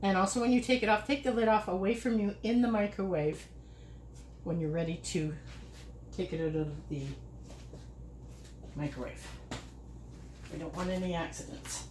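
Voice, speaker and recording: A woman's voice: on the low side, fairly even intonation, moderate pace, pauses often, a little mellow, reverberant, a little hiss or hum. A woman hosting a casual cooking livestream, chatting and rambling as she cooks and laughing often. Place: home kitchen.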